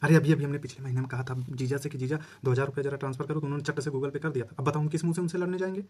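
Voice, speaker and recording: Fast-talking young man, brash phone banter. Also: fairly high pitch, fairly even intonation, darkish tone. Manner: brash boasting that turns sheepish and backpedaling. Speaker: comedian playing a brother on the phone. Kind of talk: comic one-sided phone call.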